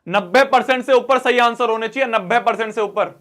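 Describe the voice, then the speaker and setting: A man's voice: very high voice, brisk, fairly bright tone. A young man teaching math in a live online class, repeating himself and half-scolding, half-pleading with his students.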